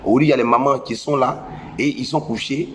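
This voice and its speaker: A fast talker with a medium-pitched, slightly bright voice and fairly even intonation, he's recorded with a little hiss or hum. The young social media commentator has a West African French accent and a head cold, and lectures parents in a scolding, preachy moralizing monologue, repeating phrases for emphasis.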